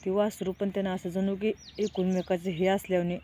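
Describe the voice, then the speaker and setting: A woman's voice: mid-range voice, flat delivery, brisk, mellow, slight background noise. A middle-aged woman, telling a story in a casual vlog. She speaks plainly and keeps turning to viewers with "look". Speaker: vlogger.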